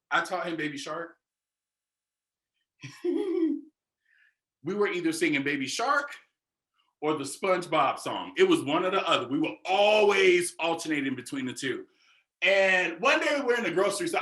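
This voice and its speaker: A young adult man giving a keynote speech, telling a story in an animated way and talking straight to the audience. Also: high-pitched, moderate pace, long pauses. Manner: animated, addresses audience directly as "y'all". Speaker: keynote speaker. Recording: roomy echo.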